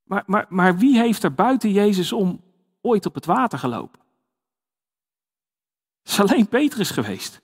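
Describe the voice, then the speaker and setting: A man's voice: high-pitched, big-room sound. A man giving a conversational sermon, with many fillers and restarts. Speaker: preacher.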